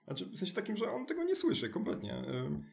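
A man, a school director, explaining his ideas in a conversational interview, halting with many restarts and tag questions. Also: high voice, wildly swooping pitch, creaky, darkish tone. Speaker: alternative school director, guest.

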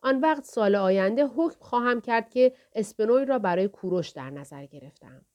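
A woman's voice: on the high side, animated, darkish tone, highs cut off, natural voice. Audiobook part: a woman doing a guarded aging king, formal and calculating, in a storybook reading. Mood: composed. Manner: measured, formal royal speech.

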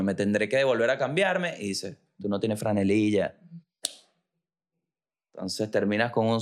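A man with a Venezuelan accent hosting a podcast, riffing through a joking, slangy and profane comic monologue. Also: medium pitch. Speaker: podcast host.

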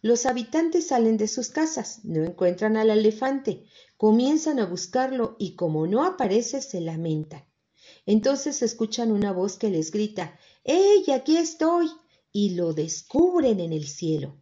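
A woman reading a children's story aloud, calm and expressive. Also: medium pitch, unhurried, lo-fi sound. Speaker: narrator.

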